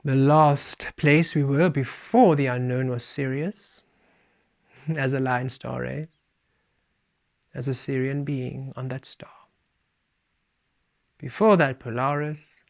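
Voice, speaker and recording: A man giving a spiritual talk, speaking of himself as "we" and shifting between playful and calm. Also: medium pitch, slow, gravelly, pauses often. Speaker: spiritual teacher. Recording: dull lo-fi recording.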